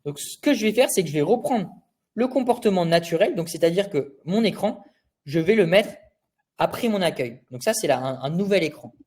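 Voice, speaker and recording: Young male instructor, slightly high voice, chatty live-tutorial delivery full of rhetorical questions. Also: animated, a little fast, darkish tone. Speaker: design instructor. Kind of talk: live screen-share tutorial.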